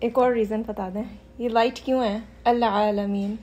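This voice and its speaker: Woman teaching a class, patient and slow. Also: on the high side, steady tone, darkish tone. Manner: patient, mixes Hindi-Urdu with English, repeats examples slowly. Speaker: Quran recitation teacher. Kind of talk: class lesson.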